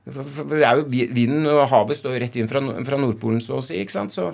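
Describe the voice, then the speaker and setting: A man with an Oslo Norwegian accent, a novelist talking in an interview in an effusive, emphatic way with halting repetitions. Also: medium pitch, vocal fry, darkish tone. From Oslo west, Norway. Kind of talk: animated conversational interview.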